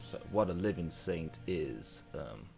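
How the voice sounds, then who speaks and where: Low-voiced man narrating casually over music. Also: sing-song, unhurried, creaky, a little mellow. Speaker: tabletop game player. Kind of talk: casual narration of his character's actions. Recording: music playing behind the voice.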